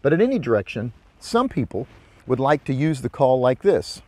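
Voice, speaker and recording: A man's voice: mid-range voice, big pitch swings, moderate pace, very noisy. A man giving a casual hands-on demonstration as an instructor, explaining in an informal, folksy way outdoors. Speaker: hunting instructor, presenter. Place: outdoors in brush by a ravine.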